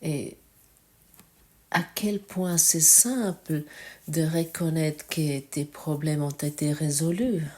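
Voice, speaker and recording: A woman giving a spiritual teaching talk, reflective and halting, often asking the listener direct questions. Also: sits low, fairly even intonation, a little mellow. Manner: searching for words, halting.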